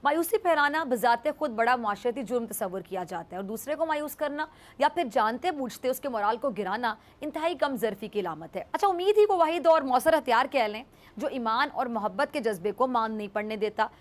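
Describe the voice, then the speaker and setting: Higher-pitched woman, formal commentary. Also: lively intonation, brisk. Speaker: news commentator. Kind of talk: scripted news commentary.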